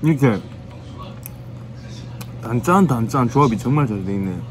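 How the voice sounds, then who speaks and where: A man's voice: medium pitch, expressive, moderate pace, a little hiss or hum. A young man in a chicken restaurant, talking casually to his viewers with his mouth full while eating. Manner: chatty, addresses viewers directly. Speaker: vlogger. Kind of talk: casual food vlog chat.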